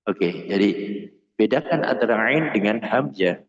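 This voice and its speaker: A man's voice: fairly low pitch, animated, a little slow. A male Quran recitation teacher giving a classroom lesson on Arabic pronunciation. He drills syllables in sung chants and explains them in a plain speaking voice. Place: school classroom. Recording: roomy, muffled room recording.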